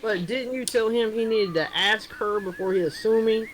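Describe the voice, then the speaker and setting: A woman's voice: a little high, moderate pace, slight background noise, low-quality recording. Blunt, incredulous woman chatting. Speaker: participant in a group voice chat. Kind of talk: casual voice chat.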